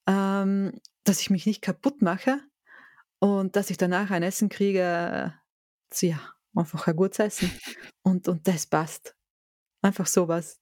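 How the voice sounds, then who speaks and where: A South Tyrolean woman in her thirties chats as an interview guest with a South Tyrolean German accent. Her voice sits fairly low, and she hesitates a lot, circling back with fillers and restarts. The recording is dry and close. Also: a little mellow, no room sound. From South Tyrol, Italy. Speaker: guest, head of a bike hotel association. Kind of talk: casual interview talk.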